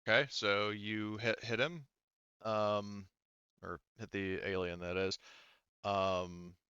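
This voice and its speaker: A man with a smooth, fairly low, steady voice with a sharp edge runs a casual tabletop game as game master, thinking aloud and pausing often to work out rules. The dry, close recording sounds somewhat dull.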